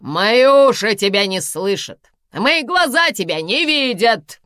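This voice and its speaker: A woman reading an audiobook, voicing a dramatic salon owner who cries out loud, shrill and pleading. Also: very animated, slow, no echo, studio quality, exaggerated voice. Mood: shrill, desperate. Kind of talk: audiobook character voice.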